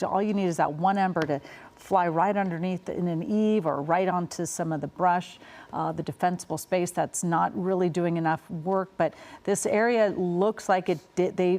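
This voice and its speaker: A woman's voice: fairly low pitch, a little mellow. A woman anchoring live breaking news, conversational and sympathetic, with frequent fillers.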